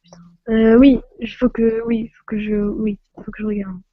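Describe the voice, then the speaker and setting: A woman's voice: a little high, flat delivery, normal speed, no room sound, narrow, tinny audio. A woman from France hosting a casual live stream on her phone, laughing often and flustered by technical trouble.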